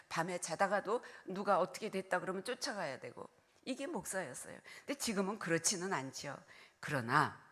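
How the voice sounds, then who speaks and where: A retired older woman pastor preaching a sermon, earnestly urging her congregation to share the burden with her. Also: medium pitch. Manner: earnest pleading, direct address to congregation.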